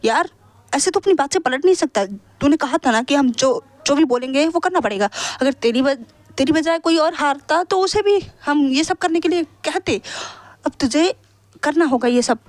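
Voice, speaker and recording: A woman's voice: high-pitched, expressive, moderate pace, no room sound. A woman voicing a playful young male friend who cajoles easily in a fan-fiction story. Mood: cajoling. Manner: cajoling, easygoing.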